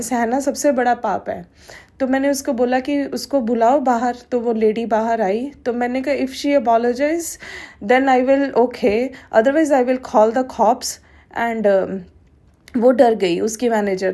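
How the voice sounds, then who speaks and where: A middle-aged woman sharing a devotional testimony with a congregation. She talks haltingly, with many fillers, and mixes English phrases into her Hindi. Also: a little high, dark tone.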